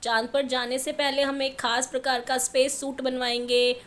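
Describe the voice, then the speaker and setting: High-voiced woman teacher explaining patiently. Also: level tone, a bit bright. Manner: patient, step-by-step, repeats answers slowly. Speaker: primary school teacher. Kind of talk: explaining a textbook lesson to children.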